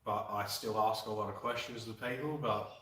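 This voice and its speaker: A man's voice: on the low side, fairly even intonation, normal speed, sharp tone. A man in his twenties with an Australian accent, chatting casually with viewers on a live stream, laid-back and swearing now and then. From Western Australia. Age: 20s. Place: garage. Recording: very echoey room, mic far off.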